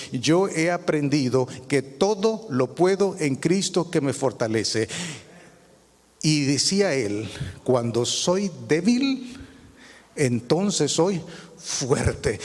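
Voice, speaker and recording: A male pastor preaching a sermon, asking the congregation rhetorical questions. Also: a little high. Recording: long hall reverb.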